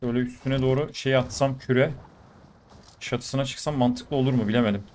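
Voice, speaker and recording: A man giving casual running commentary over mobile shooter gameplay, talking to his viewers with sudden bursts of excitement. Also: mid-range voice, moderate pace, slight background noise. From Turkey. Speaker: gaming YouTuber.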